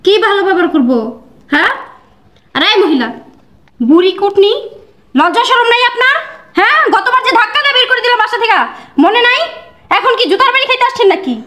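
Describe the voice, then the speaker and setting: A very high, shrill and cruel young wife, sneering and hurling insults at a rapid clip, as a woman acts her out. The voice rings in an echoey room. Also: expressive, bright, forceful tone, full character voice. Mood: scornful.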